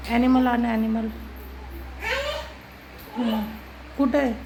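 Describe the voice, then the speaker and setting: High-voiced, unhurried coaxing woman. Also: little pitch movement, background noise. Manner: patient, repetitive, gently coaxing. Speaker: parent filming a toddler. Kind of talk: coaxing a small child on camera. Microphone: phone camera.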